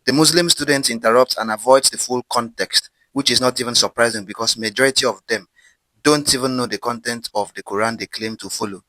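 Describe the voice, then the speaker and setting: Bright, forceful male commentator, dry sound. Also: mid-range voice, fairly quick, no echo, poor audio. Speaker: video commentator. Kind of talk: scripted commentary.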